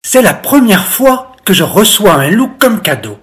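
A reader voicing an excitable little girl goat in a children's storybook, talking high and giggly. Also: a little slow. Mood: excited.

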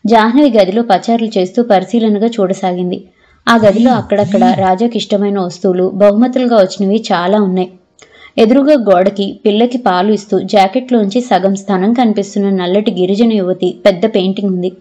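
A woman narrating an audio novel in a steady storytelling manner. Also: mid-range voice, a little fast. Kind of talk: scripted narration. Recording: slightly dull audio.

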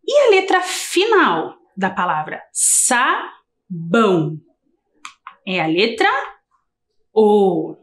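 A woman's voice: mid-range voice, big pitch swings. A Brazilian woman teacher giving a televised lesson to young children, drawing out her words in a sing-song way. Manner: slow, drawn-out, sing-song teacher talk. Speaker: primary school teacher.

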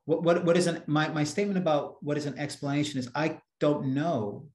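A man's voice: on the high side, a little fast, darkish tone. A man answering a question at an academic seminar over a video call, emphatic and often repeating words as he starts a sentence. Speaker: seminar speaker. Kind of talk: academic Q&A discussion. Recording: echoey room on a video call.

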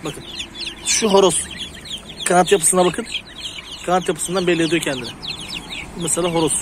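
A man with a high voice talks casually to his viewers while he tends his poultry outdoors. Clucking hens and crowing roosters are clearly heard around him, and he keeps breaking off to call to the animals. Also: steady tone, brisk. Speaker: hobby farm vlogger. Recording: noisy outdoor farmyard recording. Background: chickens, roosters and birds.

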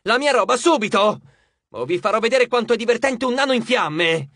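A man voicing a hot-tempered young male demigod in an audiobook, loud and angry. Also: extremely high pitch, big pitch swings, brisk, no echo, clean studio sound, voice pushed up, exaggerated voice. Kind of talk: audiobook character voice.

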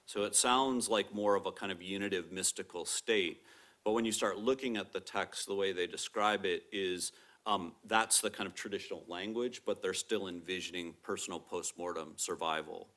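A middle-aged professor on an academic panel speaks into a table microphone on a lecture theatre stage, his very low, strong voice projecting well with a fairly bright tone. He explains ideas in a measured, careful way, hedging with qualifiers as he sets out each point.

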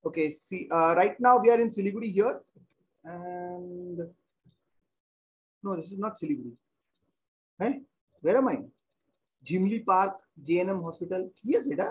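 A man teaching a class over a video call. He explains slowly and repeats phrases, filling gaps with hesitations while he works the computer. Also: sits high, animated, muffled recording. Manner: repetitive, thinks aloud with many hesitations.

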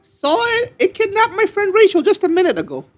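A man voicing a startled young hero, shrill. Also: wildly swooping pitch, a little fast, faint music behind, exaggerated voice. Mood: alarmed.

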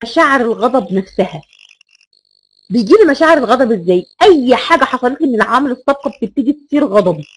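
A woman's voice: a little high, lively intonation, quick pace, slightly rough, low-quality recording. A woman with an Egyptian Arabic accent giving a recorded lecture, stressing key words and repeating rhetorical questions.

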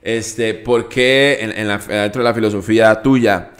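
A man with a Costa Rican accent hosts a casual podcast interview and asks relaxed, probing questions. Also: on the low side, normal speed. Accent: Costa Rican Spanish. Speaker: podcast host.

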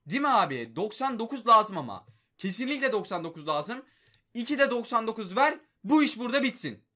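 A man's voice: sits high, pushed and bright. A young man giving live commentary on a mobile game he plays, pleading with it and exasperated at its results.

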